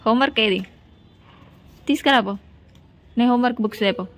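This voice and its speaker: A woman talks quickly in a fairly high voice while vlogging at home. She chats to her viewers and scolds her children between remarks. The home recording has clear background noise. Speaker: vlogger and mother. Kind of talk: casual home vlog.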